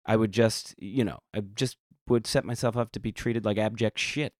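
A man talking candidly as a podcast guest, reflective and halting, with many restarts. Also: on the low side, steady tone, dry recording, clean studio sound. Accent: American. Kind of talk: candid casual conversation.

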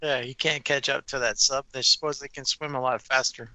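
A man's voice: medium pitch, steady tone, a little fast, pushed and bright, dry recording. A man teasing and giggling in a casual chat among friends while watching a movie.

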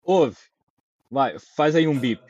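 A man in his forties, a podcast guest in casual chat, joking and animated. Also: mid-range voice, slow pace, slightly rough, dry recording, highs cut off. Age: 40s.

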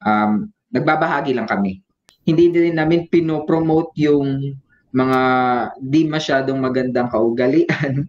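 A Visayan-accented man hosting a casual podcast, talking freely and laughing often as he slips between languages. His voice sits at an ordinary middle pitch. The recording sounds dull and lo-fi. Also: a little mellow. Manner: chatty, laughs often, mixes in English. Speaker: podcast host.

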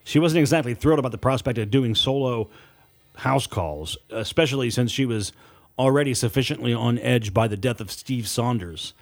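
A man with a mid-range voice narrates scripted horror as an audiobook reader, deliberate and dramatic, leaning on weighted pauses.

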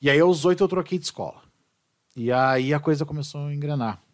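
A man's voice: a little high, fairly quick. A man, an English teacher chatting casually and animatedly. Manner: animated, repeats and restarts words. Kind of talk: casual podcast chat.

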